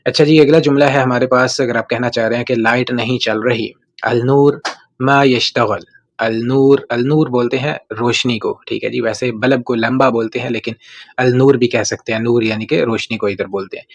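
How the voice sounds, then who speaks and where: Man teaching Gulf Arabic phrases slowly. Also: mid-range voice, steady tone, muffled recording. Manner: says Arabic phrases slowly and repeats them, then explains in Urdu; often adds "theek hai ji" as a filler. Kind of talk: casual language lesson.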